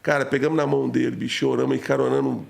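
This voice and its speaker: Podcast guest: a rapid-fire male storyteller with a gravelly voice, slangy and emotional. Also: mid-range voice, flat delivery. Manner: slangy, emotional, packed with fillers. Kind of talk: casual storytelling.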